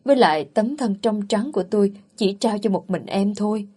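A woman's voice: medium pitch, fairly quick, dark tone, slightly rough. A woman narrating a story and reading every character's lines in her own voice.

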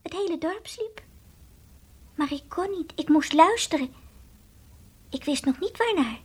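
Acting in a 1960s radio drama, a woman voices a timid, childlike toy dog, earnest and confiding. Her high childlike voice is animated, unhurried and slightly mellow, with a hushed mood and occasional drops into whispers.

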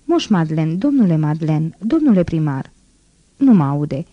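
A woman's voice: deep voice, big pitch swings, no echo, lo-fi sound. A woman voicing a frantic, grief-stricken old man who laments aloud to himself in an audiobook reading. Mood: despairing.

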